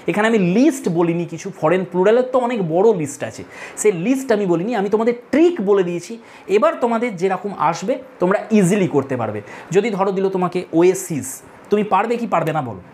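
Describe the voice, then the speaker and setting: A woman's voice: mid-range voice, darkish tone. A woman teaching an English grammar class. She speaks patiently, spelling words out letter by letter and asking the students questions. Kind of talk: classroom lesson.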